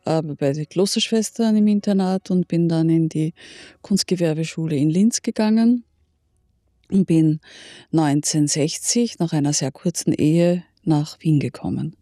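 A woman's voice: low voice, normal speed, mellow, no echo. Woman, older, Austrian accent, reflective interview, circling speech, dry close sound.

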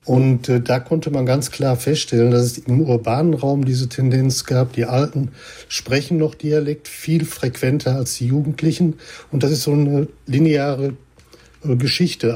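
A man with a husky, mellow voice explains his research findings in an interview. He talks at an even, explanatory pace and sometimes pauses on a filler. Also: medium pitch. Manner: explanatory, with some hesitant fillers. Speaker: linguistics researcher. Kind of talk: interview answers.

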